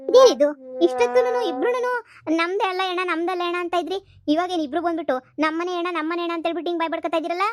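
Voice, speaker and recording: A woman voicing an exasperated village police officer who scolds in quick bursts. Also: very high-pitched, dry recording, clean studio sound, faint music behind. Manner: brisk, scolding, fast.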